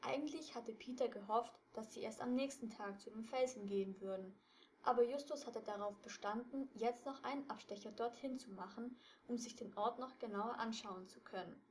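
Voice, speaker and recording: A woman reading a detective story aloud with steady storytelling narration. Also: on the high side, normal speed, a little hiss or hum.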